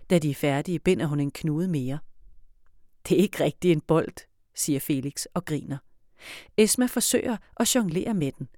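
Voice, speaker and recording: A woman narrating a children's storybook in a calm, even reading voice. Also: on the low side, no echo, clean studio sound.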